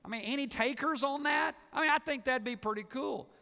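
A pastor preaching a sermon, swinging from loud rising calls to low, quiet endings. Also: male voice, fairly quick, creaky. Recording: church sermon with long reverb.

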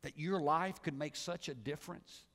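A pastor preaching a sermon, swinging from loud rising calls to low, quiet endings. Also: male voice, normal speed. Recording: church sermon with long reverb.

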